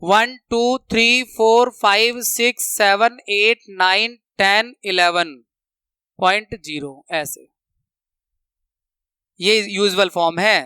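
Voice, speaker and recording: A man teaching a maths lesson, counting steps out loud and repeating the rules for students to remember, speaking terms. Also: sits high, slow, clear, resonant tone, no echo. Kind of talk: classroom lesson explanation.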